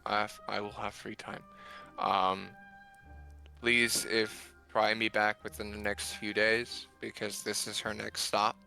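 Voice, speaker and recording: Brief: faceless monotone companion, voiced by a man, gravelly, earnest warnings in a tabletop game. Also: on the low side, measured pace, soft background music, full character voice. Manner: solemn, protective warnings.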